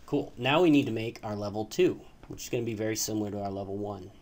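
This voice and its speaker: Low-voiced man talking through code. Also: fast talker, darkish tone. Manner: hesitant, frequent fillers and "right?" tags. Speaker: tutorial host. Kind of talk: casual screen-recorded coding tutorial.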